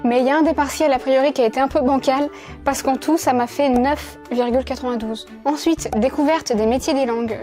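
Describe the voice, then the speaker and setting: A woman's voice: sits high, dark tone. A young French woman in her twenties, chatting casually to camera and laughing at herself as she recounts her year. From France. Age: 20s. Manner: chatty, self-mocking, laughs often, trails off. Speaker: student vlogger.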